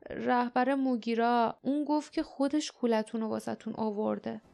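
Woman reading as a timid young girl, high and fearful, hesitant delivery, storybook. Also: fairly even intonation, creaky, dark tone, faint music behind. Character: frightened young female city girl.

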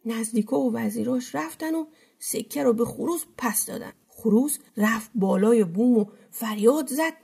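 A woman narrating a folk tale in a lively, expressive way, sometimes dropping to a hush. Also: a little high, vocal fry, breathy edge. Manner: lively, expressive storytelling with hushed asides. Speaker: storyteller.

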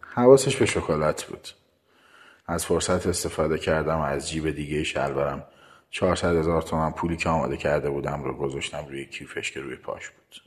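Deep male narrator for a first-person romance, low and intimate, unhurried.

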